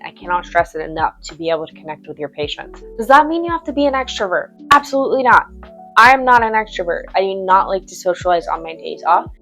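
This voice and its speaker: Woman nurse vlogger, frank and animated, mid-pitched, faint music bed. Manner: frank, animated, acts out chirpy patient small talk. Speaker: nurse and channel host. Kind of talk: advice vlog talking to camera.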